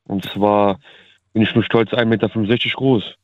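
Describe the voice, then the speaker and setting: A man's voice: lowish voice, little pitch movement, normal speed, no echo. A man in his twenties calling in over the phone to a talk show, speaking hesitantly and self-consciously. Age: 20s. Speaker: caller. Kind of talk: casual phone-in chat. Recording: tinny dry phone line.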